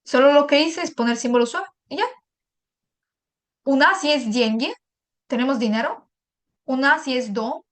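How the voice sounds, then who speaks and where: A Russian teacher with a high voice leads a patient language lesson one step at a time, speaking at a measured pace with long pauses. She repeats and translates every example and checks in through brief asides.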